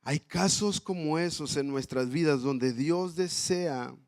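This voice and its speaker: A middle-aged man preaching a sermon, swinging from loud, impassioned passages to quiet, tender ones. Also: fairly high pitch, slow pace. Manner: addresses the congregation as family. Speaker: pastor.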